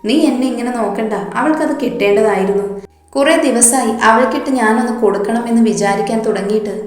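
A woman's voice: fairly high pitch, brisk, a little mellow, close to an everyday voice. A woman voicing a playful, teasing young romantic husband, recorded in a very echoey room. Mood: amused.

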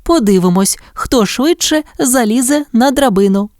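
A warm-hearted, capable mother dalmatian, as a woman storyteller plays her, explaining tasks to her puppies. Her voice is raised a little and lively, with a crisp, dry closeness. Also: a little high, normal speed, no echo, pitched above the performer's own voice, natural voice. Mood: instructive. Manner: instructive, encouraging. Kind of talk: storybook reading.

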